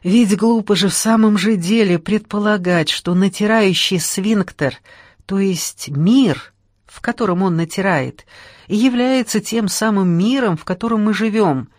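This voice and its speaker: A woman's voice: mid-range voice, a little slow, a little mellow, dry recording, close to an everyday voice. Woman doing a rambling drunk man, lecturing and sing-song, dry close read. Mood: ranting. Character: tipsy rambling middle-aged man.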